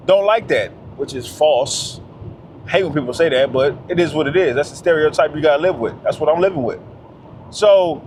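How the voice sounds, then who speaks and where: Guy with a high voice ranting on his vlog, slangy, says stuff twice for emphasis. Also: a little hiss or hum. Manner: emphatic, repeats phrases, slangy. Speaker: vlogger. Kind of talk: casual monologue vlog.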